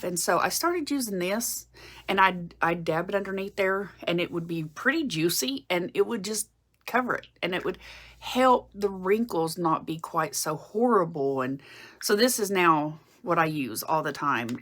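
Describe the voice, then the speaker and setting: Woman, 40s, lowish voice, rambling casual beauty vlog chat, lots of fillers and restarts. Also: a bit bright. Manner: rambling, self-correcting, with frequent fillers. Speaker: beauty vlogger. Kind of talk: casual makeup update to camera.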